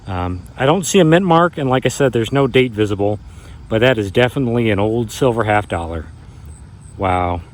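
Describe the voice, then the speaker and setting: In a lowish, animated voice at a moderate pace, this thirtysomething metal detectorist vlogs casually, exclaiming in wonder at what he digs up and addressing his audience directly. Insects buzz and vehicles pass in the noisy grassy, wooded setting.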